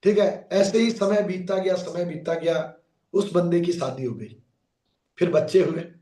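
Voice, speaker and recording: A man who is a motivational speaker, telling a story in an animated way and acting out its voices. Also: a little high. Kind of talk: storytelling talk. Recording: echoey room, mic far off.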